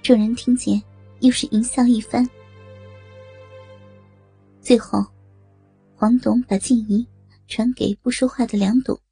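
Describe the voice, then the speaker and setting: A woman narrating a story in a steady, even storytelling voice. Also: a little high, a little slow, vocal fry, long pauses, slightly rough, faint music behind, rough recording. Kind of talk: audio erotic story narration.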